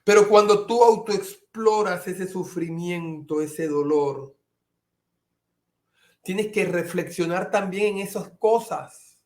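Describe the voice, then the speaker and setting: A man's voice: high voice, takes it slowly, a little mellow. A middle-aged man preaching a sermon as a pastor, earnest, sometimes acting out his listeners' objections. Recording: echoey room.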